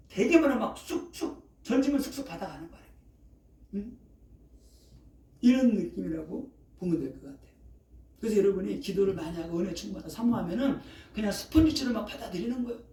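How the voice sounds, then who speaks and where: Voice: mid-range voice, darkish tone. A preacher in their sixties giving a casual, colloquial sermon, constantly checking in with the congregation with a questioning "eh?" and using vivid sound words. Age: 60s. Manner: keeps checking in with the congregation, asking "eh?" after each phrase. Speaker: pastor. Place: church sanctuary. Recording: roomy echo, voice picked up from a distance.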